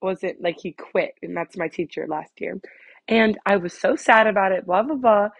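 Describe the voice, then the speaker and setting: A teenage American girl chats casually on her podcast with a slight lisp from her retainers. Her voice is husky with plenty of vocal fry, captured close and dry. She rambles in a giggly, self-conscious way, leaning on "like" constantly. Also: mid-range voice, moderate pace, dry recording. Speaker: podcast host. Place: in bed at home.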